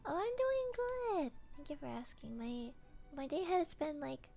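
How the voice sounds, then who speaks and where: A woman's voice: sits high, very animated, normal speed, creaky, warm tone, faint music behind. A woman streamer chatting casually with her viewers, tired and yawning, hesitant with lots of fillers and giggles. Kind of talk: casual chat with live chat.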